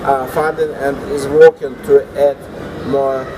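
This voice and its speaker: A slow, hesitant man with a medium-pitched, level voice co-hosts a casual chat reviewing startups, halting often with heavy hesitation fillers. He is in the indoor atrium of a large building, and the ambience is noisy.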